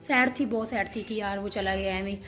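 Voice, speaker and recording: A woman's voice: mid-range voice, fairly even intonation, fairly quick. A young woman from Himachal Pradesh telling a story to her vlog viewers in a rambling, chatty way, full of restarts. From Himachal Pradesh, India. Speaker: vlogger. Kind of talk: casual storytelling to camera.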